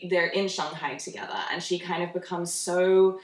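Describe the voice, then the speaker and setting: A woman's voice: fairly low pitch, fairly even intonation, normal speed. A young woman hosting a casual interview, chatty and reflective, using many likes. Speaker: host. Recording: roomy echo.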